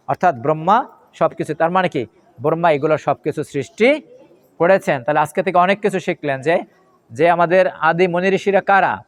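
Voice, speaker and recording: A man giving a devotional scripture lecture, chanting mantras slowly and explaining their pronunciation while asking his listeners questions. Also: high voice. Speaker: religious lecturer.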